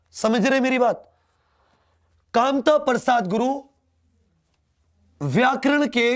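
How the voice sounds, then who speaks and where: A man teaching a Hindi grammar lesson, repeating key words and asking them back to the students. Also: extremely high pitch. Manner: slow, drawn-out delivery.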